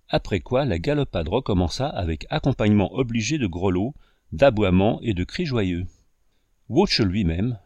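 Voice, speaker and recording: Male audiobook reader, low voice, dry close recording, measured storytelling. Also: a little mellow, no echo. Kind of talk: scripted narration.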